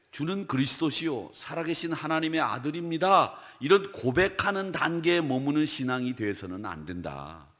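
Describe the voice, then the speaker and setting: A male pastor leads a dawn prayer service. His pitch leaps and falls as he talks. He chats with his congregation through rhetorical questions and acts out the words of others. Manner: animated, acts out quoted speech with big swings in pitch and loudness.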